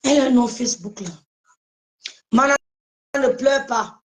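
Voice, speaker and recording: A woman's voice: high-pitched, fairly even intonation, unhurried, a little hiss or hum, low-quality recording. A woman hosting a casual live stream, speaking emphatically to her viewers and often repeating her phrases.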